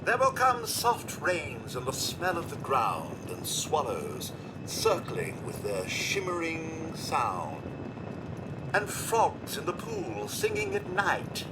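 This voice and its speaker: An actor playing a prim, too-smooth male android butler in a game, speaking in servile phrases with a sardonic aside. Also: fairly high pitch, huge pitch swings, takes it slowly, very noisy, full character voice. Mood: reciting. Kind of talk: recited poetry in a game.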